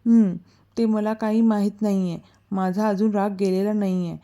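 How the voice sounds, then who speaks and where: A woman's voice: medium pitch, steady tone, moderate pace, warm tone, lightly acted. A woman voicing a proud old grandmother who sulks and scolds, in a storybook reading. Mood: grumbling. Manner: sulky, scolding, takes offence.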